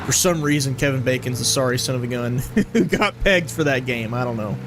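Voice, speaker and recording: A man's voice: mid-range voice, brisk, noisy background. A young man casually commenting while streaming a game, rambling and joking. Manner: chatty, rambling, jokey. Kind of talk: casual live gameplay commentary.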